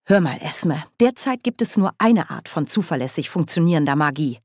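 A woman reading an audiobook, voicing a cheeky, boozy old witch woman with a loud, high, cackling voice. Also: lively intonation, moderate pace, no room sound, studio quality. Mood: merry. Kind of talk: audiobook character voice.

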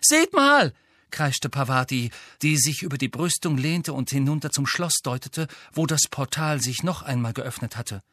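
A man reading a novel aloud with steady, even storytelling. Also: medium pitch, moderate pace, hardly any pauses, no room sound. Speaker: audiobook narrator. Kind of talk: scripted narration.

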